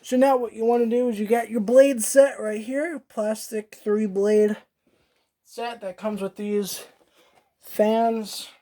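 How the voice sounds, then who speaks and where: A woman's voice: a little high, steady tone, slow, mellow. A woman hosting a casual how-to video, rambling, swearing freely and talking straight to the viewer. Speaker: DIY video host.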